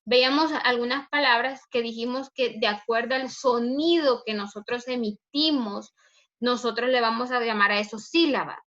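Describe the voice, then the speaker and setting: Lady teacher going over a lesson, bright high voice, spells words out slow and stretched, muffled lo-fi sound. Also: steady tone. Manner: asks the class questions and then answers them herself. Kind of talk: recorded review lesson over screen slides.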